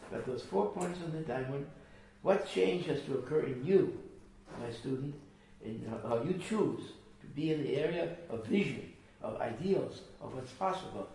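A man's voice: on the high side, lively intonation, normal speed, hardly any pauses, dark tone. A man teaching a small group, earnest and emphatic, often repeating his phrases. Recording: echoey room from far off with faint noise.

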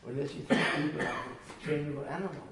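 A man's voice: fairly high pitch, quick pace. A man teaching a small group, earnest and emphatic, often repeating his phrases. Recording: echoey room from far off with faint noise.

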